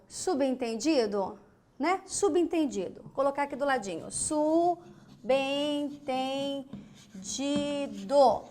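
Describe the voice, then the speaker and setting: Slow, high-voiced Brazilian woman teaching. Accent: Brazilian Portuguese. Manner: slow, emphatic, spells out syllables and asks rhetorical questions. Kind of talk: online grammar lesson.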